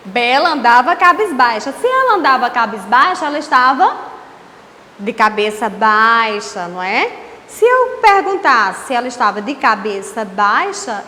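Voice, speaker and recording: A Brazilian woman teacher giving an online class, explaining slowly and asking rhetorical questions. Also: a little high, sharp tone. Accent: Brazilian Portuguese. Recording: echoey room with faint hiss.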